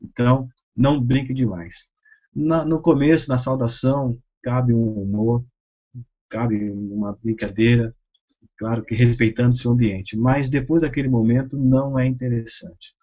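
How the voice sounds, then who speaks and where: A male pastor with a Brazilian Portuguese accent teaches would-be preachers how to behave in the pulpit. His voice sits at an ordinary middle pitch, and he speaks in a measured, advising way, often pausing and restarting. The recording sounds a little dull and lo-fi. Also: steady tone, mellow. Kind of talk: instructional talk.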